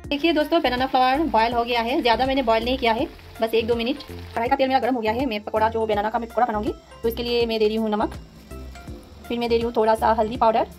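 A chatty woman narrates her day for a home vlog, talking her viewers through shopping lists and cooking one step at a time. Her voice sits a little high, and music plays behind her in the kitchen. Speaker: home vlogger.

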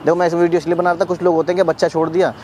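A young man vlogging outdoors in a public park, talking fast and urgently with a scolding edge and lots of repeats. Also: fairly high pitch, little pitch movement, mellow, a little hiss or hum. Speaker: YouTube creator. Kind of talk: outdoor prank-style vlog.

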